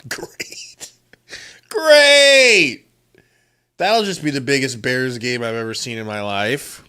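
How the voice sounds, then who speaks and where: A man's voice: mid-range voice, a little fast, pushed and bright, clean tone. A man co-hosting a casual sports chat, joking bluntly and calling plays as he watches. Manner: blunt, profane, jokey. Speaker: podcast co-host.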